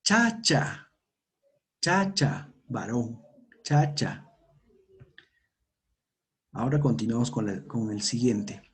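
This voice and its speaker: A man teaching a language lesson, saying each sound and word slowly and repeating it for learners to copy. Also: medium pitch, dark tone. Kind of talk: slow pronunciation lesson.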